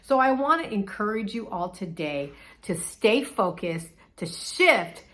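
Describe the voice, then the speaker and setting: A woman's voice: medium pitch, big pitch swings, a little slow, a bit bright. A middle-aged woman, a life coach, giving a conversational, encouraging faith talk with casual fillers.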